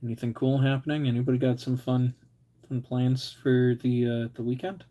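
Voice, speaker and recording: A man's voice: mid-range voice, flat delivery, moderate pace. A man hosting a casual livestream, muttering to himself as he builds models and chatting with viewers now and then. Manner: mutters to himself while working, drifting quiet. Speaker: livestream host. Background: faint air compressor hum.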